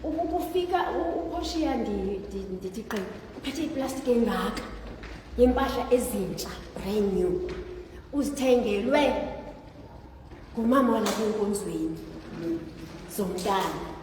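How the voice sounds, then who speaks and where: A woman with a Xhosa accent gives a spontaneous testimony to her congregation. She is halting, repeats the starts of words and slips in English. She sounds far from the microphone in a very reverberant, noisy church hall. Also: a little high, animated, a little mellow. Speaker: congregation member giving testimony. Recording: distant, very echoey noisy hall.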